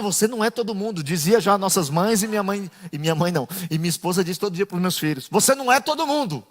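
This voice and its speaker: A middle-aged male pastor preaching a sermon, dropping to low asides and building to shouted, half-sung climaxes. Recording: echoey church hall.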